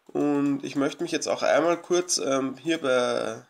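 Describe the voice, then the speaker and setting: Talking slowly over his own game, a let's play host with a medium-pitched, gravelly voice rambles casually and fills his speech with fillers. He comes across as chatty and keen, thankful to the people watching.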